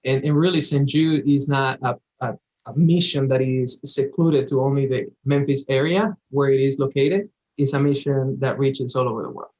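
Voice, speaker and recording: A man's voice: mid-range voice, steady tone, moderate pace, darkish tone, lo-fi sound. A young man from the Dominican Republic with a slight Dominican accent, talking earnestly as a guest in an interview. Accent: Dominican Spanish. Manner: earnest, grateful. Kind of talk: remote interview.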